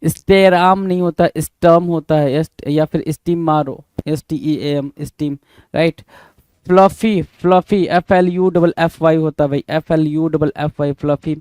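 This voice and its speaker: A male exam prep teacher, briskly going through a spelling quiz, spelling each word letter by letter and often saying bhai. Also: a little high, steady tone, darkish tone, clean tone, no echo. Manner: brisk, repeats and spells words letter by letter, calls listeners bhai.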